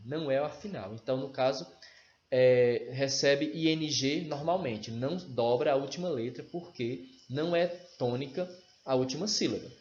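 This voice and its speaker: A man's voice: mid-range voice, a little mellow. A man teaching an English grammar lesson, patiently repeating examples and spelling out letters. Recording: roomy, dull lo-fi with faint noise.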